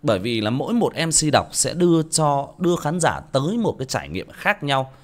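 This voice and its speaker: Blunt Northern Vietnamese man, lively pitch. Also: a little fast. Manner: blunt, outspoken, self-mocking. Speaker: audiobook narrator. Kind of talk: casual monologue to listeners.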